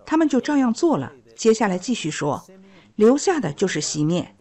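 A woman's voice: medium pitch, big pitch swings, moderate pace, a little mellow. A woman teaching a Bible story, retelling the scripture in plain storytelling.

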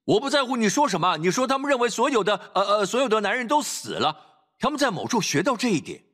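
A male pastor preaching a sermon, reading scripture and exhorting parents, swinging between loud urging and low quiet asides. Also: big pitch swings, fast talker.

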